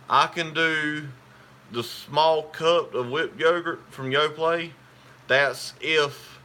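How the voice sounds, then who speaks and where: A man's voice: medium pitch, pushed and bright. A man, hosting a casual live stream and chatting with viewers in a rambling, talkative way.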